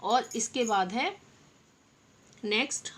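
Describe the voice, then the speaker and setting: A woman's voice: fairly high pitch, expressive, fairly bright tone, slightly rough. Patient woman teaching young children. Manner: patient, addresses pupils as "beta", repeats example words slowly. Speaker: primary school teacher. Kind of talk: online Hindi lesson for young children.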